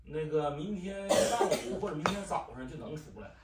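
A man in his thirties with a Northeastern Chinese accent chats casually at home, explaining in short, halting, repetitive phrases. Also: fairly high pitch. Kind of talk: casual family chat. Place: home living room, standing while holding a baby. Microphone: camera across the room. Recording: echoey living room, distant mic, faint noise.

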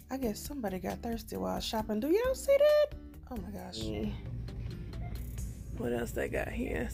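A middle-aged woman vlogger films herself on a handheld phone as she walks a store aisle, chatting casually in a shop-with-me style and calling her viewers "y'all." Her voice is a little high with vocal fry.

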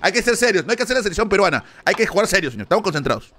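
A man's voice: high voice, very animated, very fast, bright, forceful tone. A man from Peru with a Peruvian Spanish accent, commentating a live stream as he thinks aloud and yelps when things go his way.

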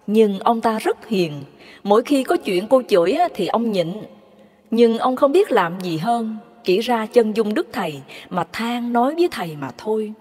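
A woman narrating devotional stories in a measured, reverent way. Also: fairly high pitch, a little mellow. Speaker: storyteller. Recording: long hall reverb.

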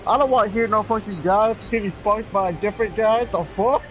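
A man streaming a video game, chatting casually and yelling crude trash talk at other players. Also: high voice, a little fast, faint music behind. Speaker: gamer streamer. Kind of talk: casual live-stream commentary.

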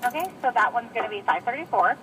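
A woman's voice: on the high side, animated, fast talker, crowd noise. A woman working as a barista, politely and patiently taking orders through a drive-thru speaker box. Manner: polite, patient customer-service tone. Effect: heard through a drive-thru speaker box.

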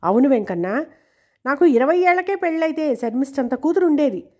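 A gentle middle-aged husband who soothes and sighs wistfully, as read by a woman narrator. The voice stays high. He is a figure from a serialized storybook. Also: expressive, brisk, dull audio. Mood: soothing.

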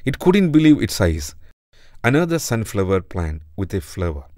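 Deep-voiced man reading a children's story. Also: big pitch swings, normal speed, darkish tone, no echo, studio quality.

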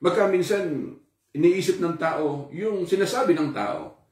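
A man giving a sermon in a relaxed, conversational way, mixing Tagalog and English with frequent fillers. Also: a little high, unhurried. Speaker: preacher. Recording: echoey room, from far off.

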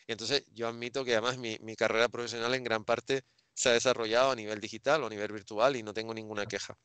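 A man's voice: medium pitch, fairly even intonation, fast talker, a bit bright, clear, resonant tone, no room sound. A middle-aged man from Spain interviewing a guest over a video call on a headset, talking thoughtfully with many restarts. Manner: thoughtful, trailing restarts and hesitations. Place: home room with bookshelves.

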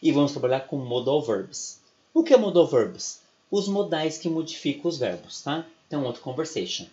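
A man's voice: a little high, big pitch swings, moderate pace, warm tone, dull audio. A Brazilian man with a Brazilian Portuguese accent, giving an online English lecture in a chatty way and often tagging his sentences with "né?" and "ok?". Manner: chatty, keeps adding "né?" and "ok?". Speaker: English teacher.

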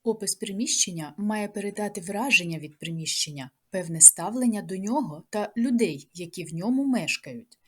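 A woman teacher with a Ukrainian accent, reading a scripted lesson in a measured way and listing words one by one. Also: medium pitch, lively intonation, slightly rough.

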